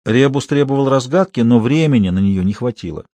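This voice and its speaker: A man's voice: mid-range voice, animated, brisk, mellow, no room sound. Man narrating a novel, close and dry. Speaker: audiobook narrator. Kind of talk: scripted literary narration.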